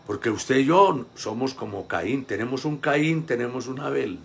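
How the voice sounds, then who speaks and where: A man's voice: normal speed, vocal fry, a little hiss or hum. Man preaching a devotional. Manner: swings between emphatic rhetorical questions and hushed low asides. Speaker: pastor. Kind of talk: devotional sermon.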